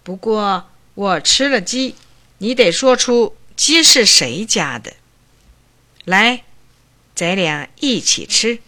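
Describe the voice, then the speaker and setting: A calm, wise old doctor, as a woman storyteller voices him, giving patient advice in an unhurried way. His speech is gentle and slow, with a bright tone and a lively lift in the pitch. The voice sits in a storybook reading. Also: heavily acted. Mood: kind.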